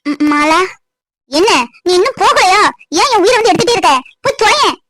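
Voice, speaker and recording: A cartoon performer voicing a sharp-tongued young wife who rants and scolds her husband in a high, sped-up cartoon voice. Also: quick pace, dry recording, heavily acted. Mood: scolding. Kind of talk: cartoon voice acting.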